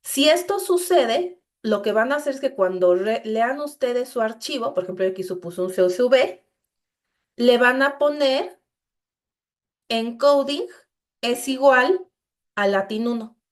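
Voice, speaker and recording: Woman, instructor, screen-share coding lesson, somewhat high voice, explanatory, talks straight to students. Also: animated, normal speed. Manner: explanatory, addresses students directly with frequent "entonces".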